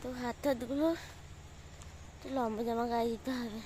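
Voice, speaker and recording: A young woman with a voice hoarse from a cold, chatting casually to her viewers in a vlog and keeping up a running "look at this". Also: a little high, fairly even intonation, a little fast, dark tone, slight background noise. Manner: chatty, talks straight to viewers, keeps saying "look". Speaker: vlogger. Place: outdoors in a rice field.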